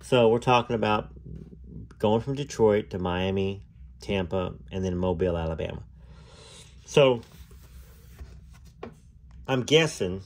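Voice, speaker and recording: Reading a memoir aloud as host, this man uses dramatic phrasing, an expressive storytelling manner and offhand asides. His voice is on the low side, with slight background noise.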